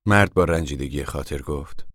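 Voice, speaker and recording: Very deep-voiced male narrator. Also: dry recording, studio quality. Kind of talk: scripted audiobook narration.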